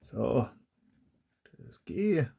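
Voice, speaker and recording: A man's voice: mid-range voice, very animated, drawn-out words, creaky, dark tone, husky. A man, a hobby YouTuber chatting casually as he reviews toy blasters, rambling and correcting himself aloud.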